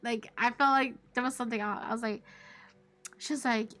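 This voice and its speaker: A woman's voice: a little high, fairly even intonation, fairly quick, a bit bright. A woman live streamer telling a rambling story to her chat in a casual way, full of fillers. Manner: chatty, rambling, many fillers; greets chat viewers mid-story.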